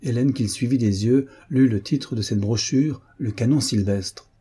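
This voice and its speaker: A man reading a novel aloud as a narrator, in a measured, even storytelling delivery. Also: mid-range voice, breathy edge. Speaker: audiobook reader. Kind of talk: scripted narration.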